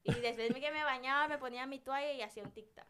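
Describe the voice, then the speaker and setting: A woman's voice: high voice, fast, a bit bright, smooth. A woman from Guatemala with a Guatemalan Spanish accent, chatting casually as a guest about her videos, playful and talkative. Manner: chatty, playful, quotes her own sayings. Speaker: guest, TikTok creator. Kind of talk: casual chat.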